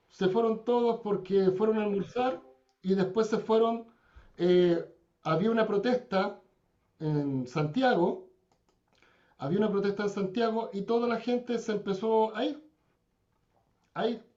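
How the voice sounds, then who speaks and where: A man's voice: sits high, a little slow, long pauses, darkish tone. A man teaching a church class, telling stories and acting out the people in them. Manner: storytelling, acts out quoted people with raised voice. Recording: dull lo-fi recording.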